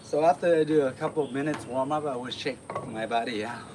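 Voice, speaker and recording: Man from Vietnam, martial arts livestream host, relaxed chat, filler-heavy, exercising while talking, faint background noise. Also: mid-range voice, fast. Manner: relaxed, chatty, many uh fillers, laughs often. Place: home in the city.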